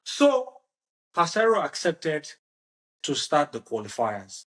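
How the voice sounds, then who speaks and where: A man hosting a casual football discussion, animated and restarting his sentences often. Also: on the high side, takes it slowly. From Nigeria. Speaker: podcast host.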